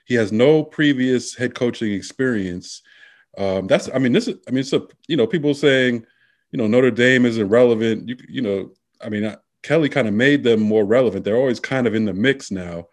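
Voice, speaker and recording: A man's voice: mid-range voice, brisk. A man co-hosting a casual sports chat, rambling along with lots of fillers and restarts. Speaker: sports talk co-host.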